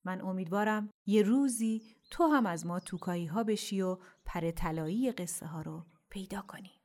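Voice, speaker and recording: Gentle woman narrating a children's story. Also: mid-range voice. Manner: gentle, intimate, softly spoken. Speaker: storyteller host.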